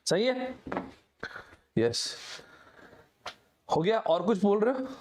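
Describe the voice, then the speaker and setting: A man's voice: high voice, sing-song, slow pace, background noise. Chatty joking male Hindi teacher. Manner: chatty, joking, addresses viewers as friends. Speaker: online exam-prep teacher. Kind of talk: lively Hinglish vocabulary lesson.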